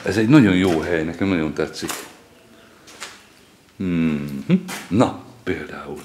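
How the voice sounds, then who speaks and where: A middle-aged man with a low voice talks his way through an abandoned building, curious and chatty, exclaiming at what he finds. A faint hiss of background noise sits under the recording. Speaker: father exploring with his kids. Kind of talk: casual exploring vlog.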